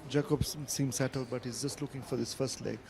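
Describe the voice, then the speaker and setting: A man's voice: mid-range voice, steady tone, a little fast. A man giving live darts commentary as one of a pair of commentators. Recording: clearly noisy live event sound.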